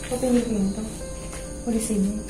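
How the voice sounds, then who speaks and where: A woman's voice: a little high, steady tone, moderate pace, over music, rough recording. A woman hosting a casual night exploration vlog, speaking in a nervous, hesitant way and often repeating her words. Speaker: vlog host exploring empty houses.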